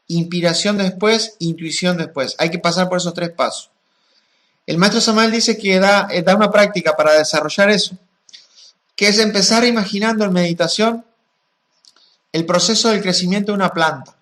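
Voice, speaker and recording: A man, a spiritual teacher answering questions in a calm, explanatory way and chanting mantras with drawn-out vowels. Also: high-pitched. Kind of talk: gnostic teaching talk.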